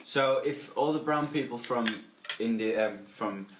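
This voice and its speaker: A teenage boy joking loudly and excitably in a casual podcast among friends. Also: medium pitch, measured pace, noisy background. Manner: excitable, jokey, interrupts. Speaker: podcast co-host. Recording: echoey room, loud chatter.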